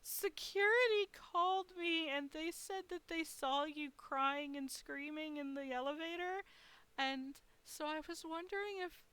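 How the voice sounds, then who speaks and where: A caring hotel desk clerk, a woman who checks on a guest in a gentle, soothing way, as a storyteller puts her on. She speaks slowly and noticeably higher than the teller's own voice, with a bright, clear tone. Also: low-quality recording. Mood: concerned. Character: kind concerned female hotel front desk clerk.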